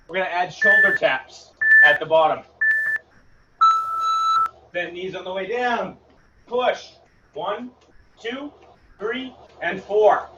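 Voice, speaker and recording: A man's voice: high-pitched, bright, forceful tone. A man in his thirties coaching a workout, calling out moves and punch combinations in short bursts like a boxing coach. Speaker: fitness coach leading a home HIIT workout. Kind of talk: live exercise instruction with short cues and counts. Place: indoor garage-style gym. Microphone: camera several metres away. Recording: distant mic, muffled, noisy gym.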